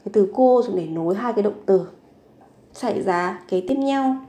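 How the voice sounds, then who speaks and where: A woman teacher walks through short phrases one by one, saying each three times before explaining it. Her pitch sits in a middle range, and she keeps a patient, steady lesson rhythm, with frequent rhetorical questions. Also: normal speed. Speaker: Korean language teacher. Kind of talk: language lesson narration.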